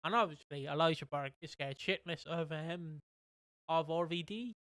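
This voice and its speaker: A man hosting a casual podcast in a bright, crisp voice that sits a little high. He rambles freely, piling up fillers and restarts, and the sound is close and dry. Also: moderate pace, dry recording. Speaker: podcast host.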